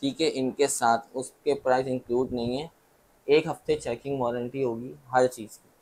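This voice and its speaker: A man with a Pakistani Urdu accent sells phones from a busy market shop. He runs through specs and prices at a steady clip, tagging "okay?" onto each point. His voice sits at an ordinary middle pitch. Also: slight background noise. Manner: brisk, lists specs, repeats "okay?" to check understanding. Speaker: mobile phone shopkeeper. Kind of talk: sales pitch to camera.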